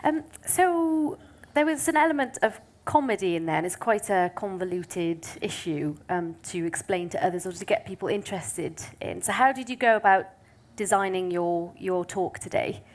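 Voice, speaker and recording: A woman's voice: medium pitch, normal speed. A woman judge asking a contestant friendly questions about his talk.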